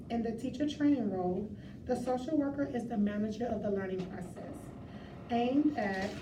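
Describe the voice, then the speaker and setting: Young woman reading a class script. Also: on the high side. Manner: steady read-aloud delivery with a slip. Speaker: narrator. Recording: roomy, distant, background noise.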